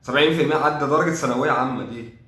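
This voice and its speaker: A man's voice: medium pitch, rapid-fire, fairly bright tone, echoey room. A young man with an Egyptian accent giving a sarcastic, exasperated casual review of a football match, thinking aloud as he goes. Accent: Egyptian Arabic. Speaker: football fan commentator.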